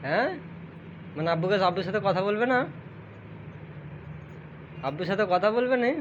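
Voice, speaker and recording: Young father, high voice, sing-song coaxing to a child, dull lo-fi sound. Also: animated, normal speed, a little hiss or hum. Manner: pleading, sing-song baby talk. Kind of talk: coaxing talk to a small child.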